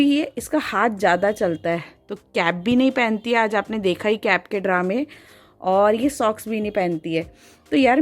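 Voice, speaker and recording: A young woman with a North Indian Hindi accent, a mother talking to her viewers in a casual home vlog, earnest and a little defensive. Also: mid-range voice. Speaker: family vlogger, mother. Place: home, indoors and on a rooftop.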